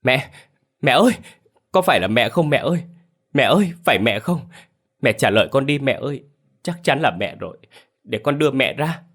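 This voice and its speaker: A man's voice: medium pitch, sing-song, fast talker, a bit bright, breathy edge, voice pushed up. A man putting on a wailing grieving daughter. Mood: frantic pleading. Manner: sobbing, pleading cries. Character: grief-stricken adult daughter wailing for her mother.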